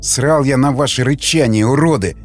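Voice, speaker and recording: Man reading as a desperate male survivor, frantic, shouting, mid-pitched voice, faint music behind. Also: normal speed, natural voice. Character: Vasnetsov, a desperate man, male stalker losing his mind.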